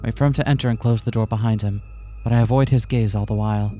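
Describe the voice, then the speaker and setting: A man's voice: on the low side, steady tone, fast talker, dark tone, soft background music. A man co-hosting a let's play, switching between casual commentary and reading a visual novel aloud with playful, theatrical asides.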